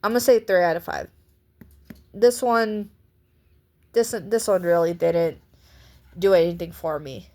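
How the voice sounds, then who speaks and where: A woman's voice: fairly low pitch, a little slow, pauses often, mellow. A woman giving a casual vlog book review in a chatty, rambling way, often breaking into laughs.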